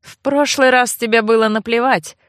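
A woman's voice: steady tone, moderate pace, dry recording, clean studio sound, close to an everyday voice. A woman voicing a growling young nobleman. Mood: grim. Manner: low, clipped, growling. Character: brooding angry young nobleman. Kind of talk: audiobook character voice.

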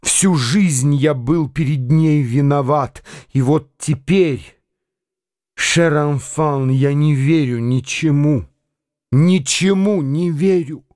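A man's voice: fairly high pitch, slow pace, darkish tone, no room sound, clean studio sound. A man voicing a frail, tearful elderly prince who pleads in a trembling, raised voice in a radio drama reading. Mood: tearful rapture.

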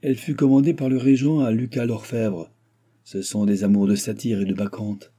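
A man's voice: lowish voice, fairly even intonation, normal speed, warm tone, close to an everyday voice. A man voicing a choleric, sarcastic old nobleman who has lost his fortune, talking in a blustering, mocking way.

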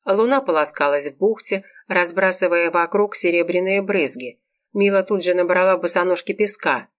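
A woman reading an audiobook, narrating a comic romance in a lively, expressive way. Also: on the low side, normal speed. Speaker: audiobook reader. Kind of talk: scripted narration.

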